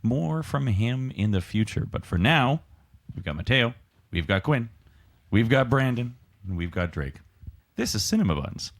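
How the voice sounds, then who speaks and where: A man opening a podcast episode in an upbeat presenter manner. His pitch is ordinary, middle range. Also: big pitch swings, moderate pace, creaky. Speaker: podcast host. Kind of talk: podcast intro and chat.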